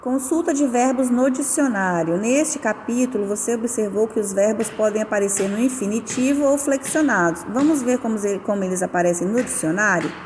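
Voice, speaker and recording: A woman's voice: fairly high pitch, brisk, hardly any pauses, darkish tone. A woman teaching a recorded lesson, explaining patiently and stretching out stressed syllables. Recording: roomy with long reverb and faint noise.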